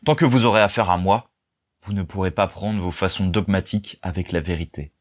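A man reading a calm, commanding young orator. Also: low voice, brisk. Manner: steady, forceful speechmaking.

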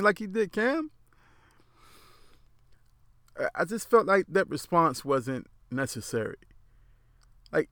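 A man's voice: a little high, a bit bright, dry recording, clean studio sound. A man with a lisp giving his frank opinions in a casual monologue, rambling and repeating words as he goes. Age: adult. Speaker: commentator.

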